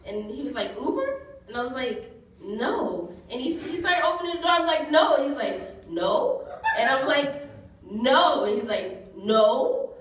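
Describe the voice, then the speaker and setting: A woman performing a stand-up comedy set, telling stories deadpan and often laughing at her own jokes. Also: high voice, brisk. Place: comedy club stage. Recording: echoey club recorded from far off. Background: audience laughter and noise.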